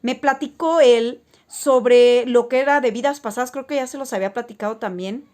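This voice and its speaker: A woman's voice: fairly high pitch, moderate pace, a little mellow. A woman casually telling stories to her viewers, rambling with frequent fillers and restarts. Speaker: spiritual vlogger. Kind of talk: casual storytelling to camera.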